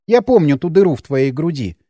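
A man voicing a cocky, sharp-tongued teen girl. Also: on the high side, very animated, a little fast, dry recording, studio quality. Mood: sardonic. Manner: cocky, mocking, cold. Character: teenage girl, sharp-tongued vengeful fighter. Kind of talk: audiobook character voice.

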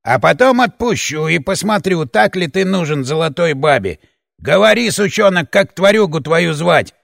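Man doing a gravelly, sneering old chief. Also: a little high, lively intonation, a bit bright, dry recording, clean studio sound, exaggerated voice. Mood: menacing. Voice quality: gravelly creaky voice. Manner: slow, sneering, threatening drawl. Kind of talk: audiobook character voice.

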